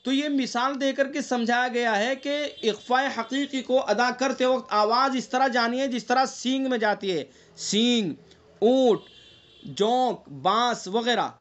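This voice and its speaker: Guy teaching tajweed online, really high voice, patient, keeps asking "ok?" and hums the nasal sounds to show them. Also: a bit bright. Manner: explains patiently, often checks with "okay?" and models nasal sounds aloud. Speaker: Quran recitation teacher.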